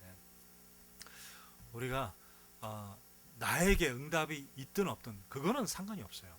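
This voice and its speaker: A male pastor preaches a sermon in a medium-pitched voice with a breathy edge, keeping a measured pace. He tells stories with feeling and animation and poses rhetorical questions to the congregation.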